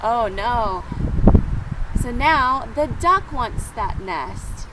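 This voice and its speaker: Urban ambience and noise fill this outdoor recording of a woman reading a picture book to little children near pet chickens. Her slightly high voice is lively in intonation and very slow, and she reads expressively with asides to her listeners.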